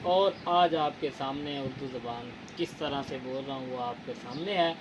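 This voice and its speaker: This channel host from Punjab, Pakistan has a mid-range voice and talks at a normal speed against a noisy background. Interviewing someone in a relaxed conversation, he sounds earnest and preachy, mixing formal vocabulary with plenty of fillers.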